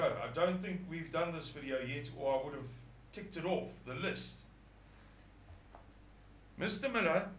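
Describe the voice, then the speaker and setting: A man with a croaky voice, hosting a rambling casual monologue and stopping to search for words. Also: on the high side, slight background noise. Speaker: host. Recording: dull lo-fi sound.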